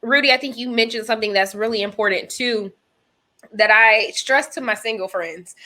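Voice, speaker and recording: A woman's voice: fairly high pitch, moderate pace, bright, forceful tone. A woman in her thirties co-hosting a podcast, talking through her points with examples in a casual chat. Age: 30s. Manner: thoughtful, talks through examples. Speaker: podcast co-host.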